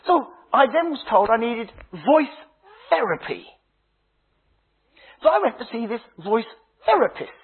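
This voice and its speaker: A man, a minister, preaching a sermon with a husky voice, slow emphatic phrases that drop to a hush, and humorous stories. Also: extremely high pitch, very animated. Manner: dramatic preaching, slow emphatic phrases dropping to hushed tones; humorous storytelling. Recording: tinny phone-like sound.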